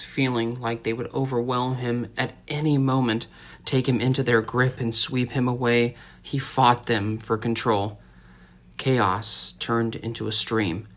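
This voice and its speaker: A male audiobook narrator reads a tense story in a steady, dramatic way. His voice sits at an ordinary middle pitch. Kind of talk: scripted narration.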